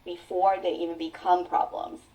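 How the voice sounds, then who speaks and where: A podcast guest whose first language is Mandarin tells her personal story in an interview, speaking earnestly and reflectively with drawn-out phrases. Her low, mellow voice keeps a level tone and sounds distant from the microphone.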